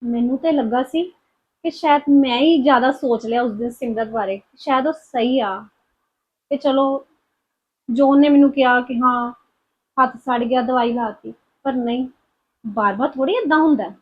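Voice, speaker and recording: A woman's voice: sits high, normal speed, highs cut off. A woman playing a remorseful young daughter. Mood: reflective. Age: young adult. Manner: soft, apologetic and worried. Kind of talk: scripted family drama.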